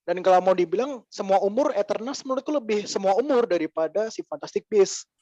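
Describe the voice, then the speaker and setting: A man talking casually as a podcast guest, ranting with quick asides. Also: high-pitched, expressive, mellow, dry recording, dull audio. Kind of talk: casual chat.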